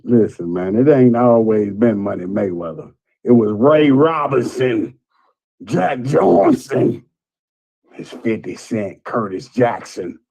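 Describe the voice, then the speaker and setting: A man calling in over the phone, speaking in an animated, rhythmic way. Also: lowish voice, takes it slowly. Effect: heard over the phone. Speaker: caller. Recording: muffled phone line.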